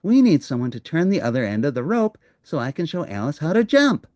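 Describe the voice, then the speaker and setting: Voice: medium pitch, very animated, brisk, mellow, no room sound, natural voice. A performer voicing a friendly, cheerful big bird character for a children's storybook.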